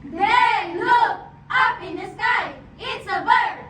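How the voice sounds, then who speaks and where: A woman's voice: very high-pitched, takes it slowly. Young female students performing choral speaking, reciting in a theatrical, emphatic sing-song chant. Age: school-age young performers. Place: large echoing competition hall, distant mic. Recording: echoey noisy hall from far off.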